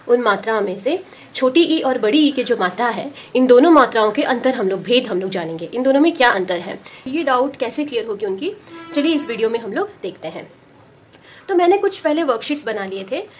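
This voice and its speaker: A woman teaching a Hindi lesson for parents. She explains patiently, repeats key words slowly, says "okay" often and mixes in English words. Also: on the high side, slight background noise. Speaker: preschool teacher.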